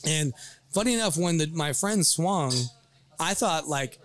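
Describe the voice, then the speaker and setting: A man casually telling a story on a podcast, animated, swearing freely and acting out what people said. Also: fairly high pitch, measured pace. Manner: animated, swears freely, acts out quoted lines. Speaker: podcast storyteller, bar worker.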